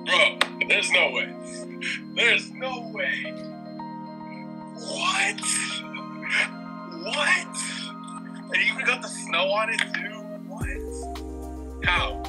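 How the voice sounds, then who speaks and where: A man heard over a video call, reacting excitedly as a participant in a mind-reading trick. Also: sits high, very slow, pauses often, over music.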